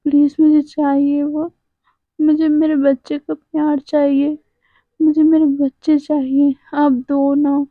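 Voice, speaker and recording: A woman's voice: high-pitched, level tone, slow pace, long pauses, no echo. Woman voicing a sobbing young man begging. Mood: tearful pleading. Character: desperate young man pleading tearfully for his children. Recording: tinny phone-like sound.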